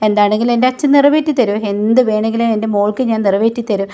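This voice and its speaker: A woman's voice: on the high side, steady tone, quick pace, dark tone, close to an everyday voice. A woman reading the lines of a determined young wife and mother from a serial, in her own voice. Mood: pleading. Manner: firm, resolute lines read in her own voice.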